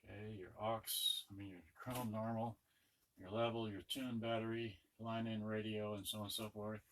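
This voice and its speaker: A man hosting an electronics unboxing works through a casual hands-on demonstration while muttering to himself. His fairly low, fairly bright voice stays level at a moderate pace. The audio comes from a tripod-mounted camera in a noisy room with clicks and handling.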